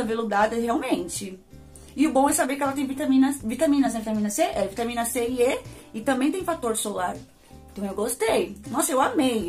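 A Brazilian woman with a Brazilian Portuguese accent, chatting casually to her viewers as she tries out and reviews a face powder. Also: a little high. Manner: chatty, addresses viewers as gente. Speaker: beauty vlogger.

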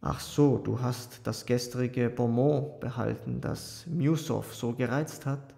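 A man's voice: mid-range voice, takes it slowly, vocal fry, warm tone, in a large hall, faint music behind. A man voicing a cool, sardonic young intellectual in an audiobook reading, wry and argumentative. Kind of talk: audiobook character voice.

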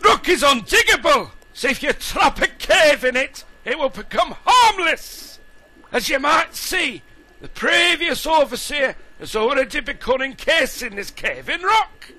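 A man's voice: very high voice, big pitch swings, a little slow, bright, forceful tone, exaggerated voice. A man voicing a bossy, scolding dwarf mine taskmaster in a cartoonish video game tutorial. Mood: bossy instructing.

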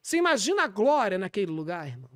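A man with a Brazilian Portuguese accent playing a shameless self-styled apostle in a deadpan comic podcast monologue, rambling with preachy asides. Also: sits high, racing, crowd noise. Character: brash, shameless male pastor calling himself apostle.

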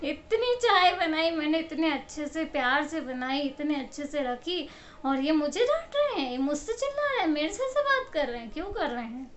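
A woman's voice: high voice, sing-song, normal speed, slight background noise. A woman voicing an aggrieved middle-aged mother who feels wronged and complains at length. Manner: complaining, self-pitying.

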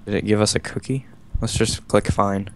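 A man's voice: on the low side, fairly even intonation, moderate pace, a little hiss or hum. A man playing a game with friends, chatting casually and reading in-game text aloud dramatically. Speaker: game player. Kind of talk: casual gaming chat.

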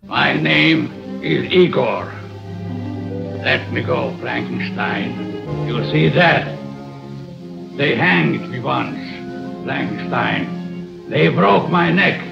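An actor playing a crude, gruff, demented male blacksmith in a well-disguised voice, speaking in a gravelly, broken, menacing way, as in 1930s horror film acting. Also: medium pitch, very slow, pauses often, heavily acted. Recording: dull old film soundtrack with music.

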